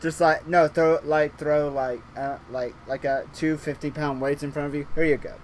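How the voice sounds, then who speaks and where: A man with a fairly high voice chats through a visual novel stream, rambling and restarting his sentences and breaking into laughter often. A faint hiss sits under the recording. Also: level tone, normal speed. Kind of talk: casual let's-play chat.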